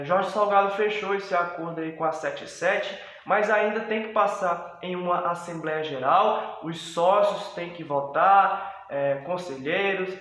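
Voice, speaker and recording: Brazilian man, fan-channel host, halting casual commentary; very roomy echoey recording. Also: sits high, fairly bright tone. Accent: Brazilian Portuguese. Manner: hesitant, many drawn-out fillers. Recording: very echoey room.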